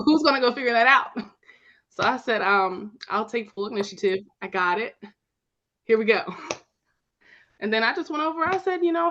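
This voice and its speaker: A woman guest on a podcast, her voice fairly high and full of energy as she tells what happened, laughing between lines. The sound is dull and lo-fi. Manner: animated, laughs often. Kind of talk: casual storytelling.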